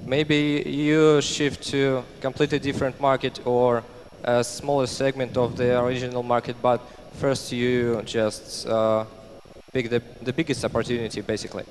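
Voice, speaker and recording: A man's voice: mid-range voice, flat delivery, normal speed. List: young man from Russia, panelist, stumbling restarts, echoey hall, faint noise. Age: young adult. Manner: many repeated words and restarts. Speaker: panelist, entrepreneur. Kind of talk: panel discussion.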